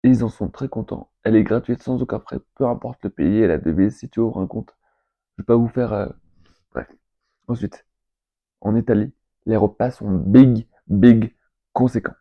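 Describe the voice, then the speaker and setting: A man's voice: lowish voice, moderate pace, creaky. A man chatting casually in a vlog, rambling with fillers and asides while reading travel tips aloud. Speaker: vlogger. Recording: dull lo-fi home recording.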